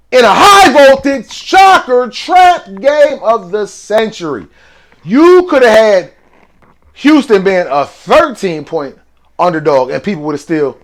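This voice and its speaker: A high-voiced man hosts a casual monologue of sports betting picks, sounding excitable and slangy and breaking into sudden exclamations.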